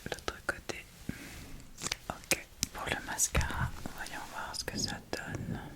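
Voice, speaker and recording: In a breathy, unvoiced whisper, a woman who makes ASMR videos presents a makeup tutorial. She thinks aloud casually, keeping her delivery hushed, unhurried, and informal.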